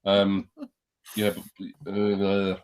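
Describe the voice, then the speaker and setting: A man's voice: deep voice, monotone, extremely slow, a little mellow, smooth. A man in casual chat on a livestream call, meandering and thinking aloud as he talks.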